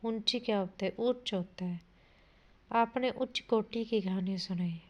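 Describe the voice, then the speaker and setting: Woman grammar teacher, slow deliberate delivery, corrects sentences one by one, dull lo-fi recording. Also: medium pitch, a little mellow. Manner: reads sentences, asks what a word means, then corrects it; addresses listeners as "bhai". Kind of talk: exam-prep grammar lesson. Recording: dull lo-fi audio.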